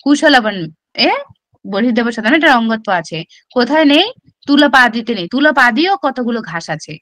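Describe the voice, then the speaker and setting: A woman's voice: fairly high pitch, expressive, moderate pace, fairly bright tone, dry recording. A woman teacher with a Bengali accent explains a classical text step by step in an online exam-prep class, often asking rhetorical questions.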